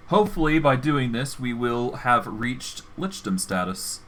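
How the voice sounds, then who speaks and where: A man's voice: medium pitch, expressive, measured pace, fairly bright tone, faint music behind. A man streaming a game, casually narrating his own moves as he goes. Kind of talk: casual live gameplay commentary.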